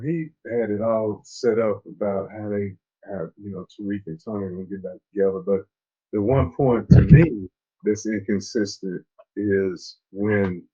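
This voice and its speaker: The recording is muffled and faint music plays as a man with a fairly low, darkish voice speaks. He co-hosts a relaxed chat about a TV drama, often restarting his sentences.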